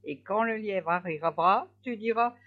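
A woman's voice: medium pitch, close to an everyday voice. A woman doing a bossy, sly little hedgehog. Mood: commanding. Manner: commanding, brisk. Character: boastful, bossy male hedgehog, small and sly. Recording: slightly dull lo-fi recording.

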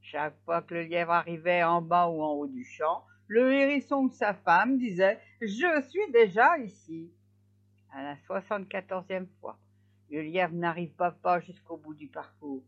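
A woman reading a fairy tale aloud in an expressive way, slowing down for effect. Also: fairly low pitch. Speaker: storyteller. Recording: slightly dull lo-fi recording.

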